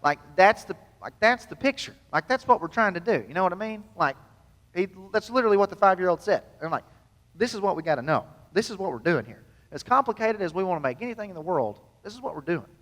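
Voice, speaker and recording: A man in his thirties preaching from the pulpit, with a somewhat high voice. He talks in a folksy, self-deprecating way and quizzes his listeners. Long hall reverb trails each phrase in the church. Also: big pitch swings, fast talker, fairly bright tone. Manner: folksy, self-deprecating, asks the crowd questions. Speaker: pastor. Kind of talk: sermon.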